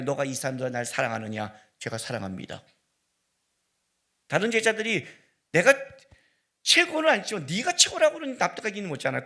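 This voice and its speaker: A middle-aged man preaching a sermon as pastor, animated and acting out dialogue, rising at times to a shout. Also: sits high.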